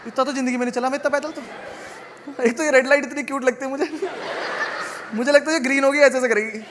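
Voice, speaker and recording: A young man from India doing stand-up comedy. He tells stories in a sardonic, conversational way, with sudden loud outbursts. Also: very high-pitched, fairly even intonation, fast talker, crowd noise. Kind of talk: stand-up comedy with crowd work. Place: live comedy venue with audience laughter. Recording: noisy live show recording.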